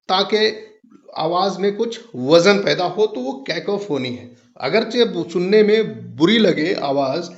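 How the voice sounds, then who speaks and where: A man explaining a literary term in a lesson, slowly spelling words out letter by letter. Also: sits high. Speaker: English literature teacher. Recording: echoey room, dull lo-fi sound.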